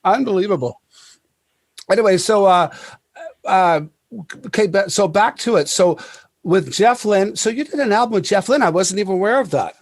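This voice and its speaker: A man with a high, light voice tells his stories with excitement, breaking into laughs and restarting his sentences often. The sound is dry and close, with no room around it. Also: normal speed, pauses often, no room sound. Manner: animated, laughing storyteller with many restarts. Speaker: podcast host. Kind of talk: casual storytelling chat.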